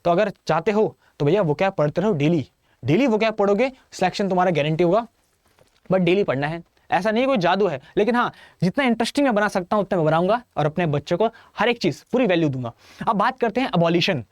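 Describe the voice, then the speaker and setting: A man's voice: sits high, animated, fast talker, no room sound. Playful Indian male tutor, exam-prep lesson, close dry mic. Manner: playful, chatty, addresses students directly. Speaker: English vocabulary teacher.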